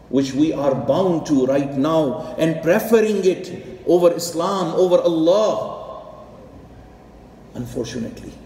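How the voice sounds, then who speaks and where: A man's voice: on the high side, warm tone, a little hiss or hum. A middle-aged man from Pakistan, preaching an earnest, emphatic sermon as an imam on a headset mic. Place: mosque prayer hall, indoors. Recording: echoey hall with long reverb.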